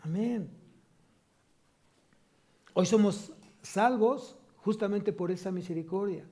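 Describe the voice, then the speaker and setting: A man's voice: high-pitched, takes it slowly, dark tone. A man with a Mexican Spanish accent preaching a sermon as pastor, asking the congregation rhetorical questions and rising to emphatic peaks.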